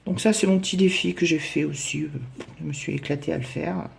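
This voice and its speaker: A woman chatting casually as she fills in savings challenges, hesitating often and counting out loud. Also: deep voice, fairly even intonation, fairly quick, creaky, a little hiss or hum. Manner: chatty, self-deprecating, lots of hesitations and counting aloud. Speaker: budget vlogger. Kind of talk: casual chat while doing savings challenges.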